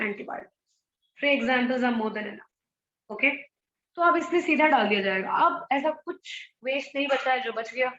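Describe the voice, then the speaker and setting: A woman's voice: on the high side, a bit bright, reverberant, dull audio. A woman teacher explaining a biology lesson, switching between Hindi and English and asking her students rhetorical questions. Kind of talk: online biology lecture.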